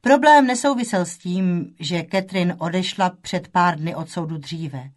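A woman narrating an audiobook in a calm, measured way. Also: fairly low pitch. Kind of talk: scripted narration.

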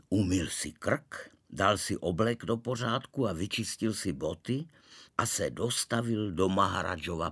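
A man reads a humorous children's story aloud with lively expression. His voice sits low and warm. He narrates with playful, storyteller timing. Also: gravelly, slightly rough. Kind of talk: storytelling reading of a children's novel.

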